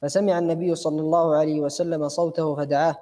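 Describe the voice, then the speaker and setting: Man reading a classical text rapidly. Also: a little high, level tone, dark tone. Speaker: student reading the text aloud. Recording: long hall reverb.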